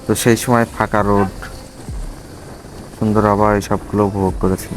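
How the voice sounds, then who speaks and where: This male motovlogger, who has a Bangladeshi accent, speaks casually and thoughtfully to his audience from inside his helmet while riding. His lowish voice barely shifts in pitch and moves briskly, over soft background music in a rough recording.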